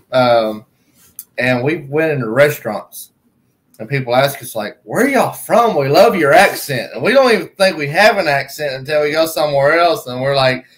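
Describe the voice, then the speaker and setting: A man's voice: mid-range voice, expressive, normal speed. Folksy Southern man chatting. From Southwest Arkansas. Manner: folksy, joking. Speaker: livestream host. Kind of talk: casual chat.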